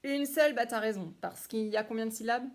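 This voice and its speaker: A woman's voice: fairly high pitch, brisk. A woman, a primary school teacher, giving a phonics lesson to young children and praising each one by name.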